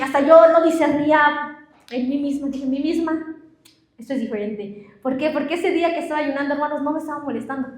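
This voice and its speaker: High-voiced young woman preaching. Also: roomy sound. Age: young adult. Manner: lively storytelling, often addressing the congregation. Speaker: pastor. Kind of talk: sermon with personal anecdotes. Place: church.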